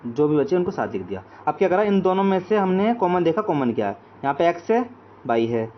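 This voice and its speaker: A man's voice: high-pitched, big pitch swings, fairly quick. A man teaching math, explaining each step and checking in with his students. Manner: repeats check-in phrases like "okay friends". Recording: dull lo-fi audio with faint hiss.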